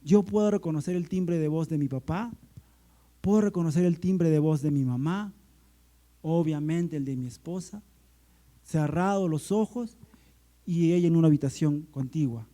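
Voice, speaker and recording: A man in middle age preaching to a congregation. His mellow, fairly high voice surges on emphatic lines, then slows and draws out key words. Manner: preaching with surging emphasis and slowed, stretched phrases. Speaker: pastor. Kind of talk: sermon. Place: church service.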